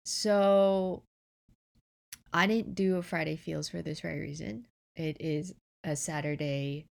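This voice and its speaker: Woman host, low and gravelly, stuffy morning voice, rambling casual chat. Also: steady tone, takes it slowly. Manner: chatty and rambling. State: stuffy, sore throat. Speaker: podcast host. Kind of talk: casual solo podcast chat. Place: in bed indoors.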